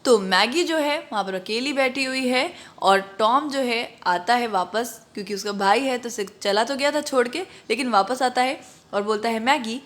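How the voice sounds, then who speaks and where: A woman teacher who reads a story's English passages slowly and then explains them line by line in a conversational tone. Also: fairly high pitch, fairly bright tone.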